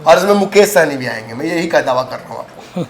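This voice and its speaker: A man's voice: fairly high pitch, expressive, quick pace, reverberant. A man, hosting and giving casual political commentary in an emphatic, argumentative way, slipping in English phrases. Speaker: political commentator and show host.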